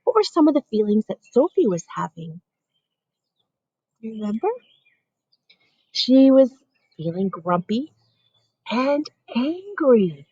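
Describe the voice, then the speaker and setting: A teacher reading a picture book aloud at home to young children, asking them gentle questions and leading a breathing exercise. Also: female voice, medium pitch, very animated, a little slow, long pauses, breathy edge, no echo, muffled recording.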